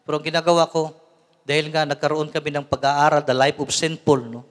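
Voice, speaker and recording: A man in his forties from the Philippines preaches in an easy, conversational way. He often tags his sentences with a questioning "no?" and slips into English. His voice sits on the higher side for a man, and a long hall reverb trails each phrase. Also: steady tone, fast talker, fairly bright tone. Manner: mixes English into talk, frequent "no?" tag questions. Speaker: lay preacher. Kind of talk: conversational healing sermon.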